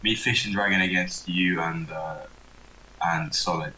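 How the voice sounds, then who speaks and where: A man's voice: sits low, steady tone, a little slow, bright, forceful tone, recorded from a distance, low-quality recording. A man chatting casually on voice chat during a gaming session, joking and laughing. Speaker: friend on voice chat.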